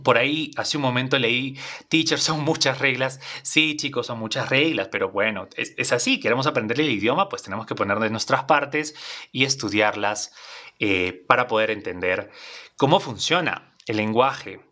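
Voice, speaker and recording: A man's voice: mid-range voice, normal speed, pushed and bright. A man teaching an English class in Spanish, patient and repetitive, often checking in with his students. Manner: patient, repeats phrases, checks in with "¿vale?".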